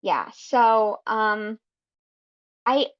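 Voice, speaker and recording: A woman guest on a podcast, talking casually about her writing in an unhurried, thoughtful way with frequent ums. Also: mid-range voice, animated. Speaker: guest fanfiction writer. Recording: slightly dull lo-fi audio.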